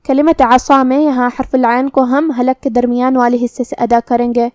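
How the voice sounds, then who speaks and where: A woman teaches Quran recitation rules in a patient, methodical way, going through each letter and vowel in turn. Her voice sits high in pitch. The recording is dry and close, with no room sound. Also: flat delivery, darkish tone, no room sound. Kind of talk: tajweed lesson with slow recitation.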